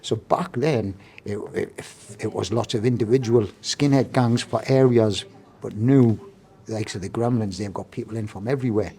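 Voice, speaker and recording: Mellow-voiced Geordie man interviewing. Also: fairly low pitch, normal speed. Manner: rambling, roundabout questions. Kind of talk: casual interview chat.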